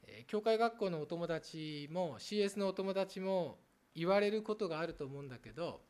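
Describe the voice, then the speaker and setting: A pastor preaching an earnest sermon to the congregation, turning gently at times to speak to the children. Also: mid-range voice, moderate pace. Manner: lively rises and falls for emphasis.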